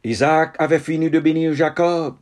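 A man reading scripture aloud in a measured, solemn way, in short phrases. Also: a little high, fairly even intonation, darkish tone. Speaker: Bible reader.

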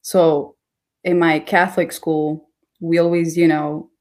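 Twenties woman from Ecuador; relaxed guest who laughs easily, pitched a bit low. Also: slow pace. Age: 20s. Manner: laughs easily, casual and chatty. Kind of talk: casual chat.

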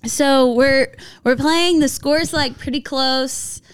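A woman hosting a podcast, telling a story in a casual chat among friends, animated and swearing freely as she acts out what people said. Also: sits high, slow pace. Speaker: podcast host.

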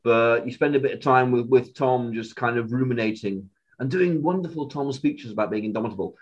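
A male podcast host in casual fan chat, rambling and animated, tripping over restarts as his ideas run ahead of him. His voice sits at a middling pitch, and the sound is slightly dull and lo-fi. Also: fairly quick, husky.

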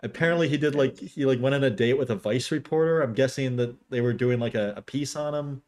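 A man's voice: medium pitch, quick pace, darkish tone. A man casually telling a story in a conversation, chatty and filling his talk with "like" and "you know.". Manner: chatty, laughs often, many likes.

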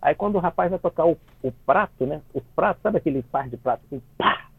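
A Brazilian man with a somewhat high, gravelly and husky voice comes through a dry, tinny phone line. He talks casually on a radio show, stumbling over restarts and laughing as he explains. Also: lively intonation, fast talker, dry recording. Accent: Brazilian Portuguese. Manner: chatty, many restarts and tag questions, laughs while explaining. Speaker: conductor explaining classical music in cartoons.

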